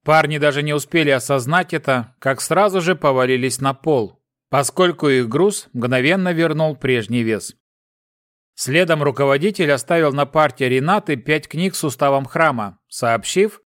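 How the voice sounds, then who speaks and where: Man for steady audiobook narration, dry, slightly high. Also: normal speed, no echo.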